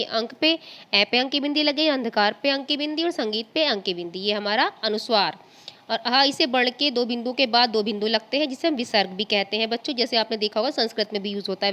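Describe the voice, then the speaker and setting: A woman's voice: fairly high pitch, pushed and bright. A woman teacher with an Indian accent giving a recorded lesson to young pupils, patiently spelling out sounds. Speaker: school teacher.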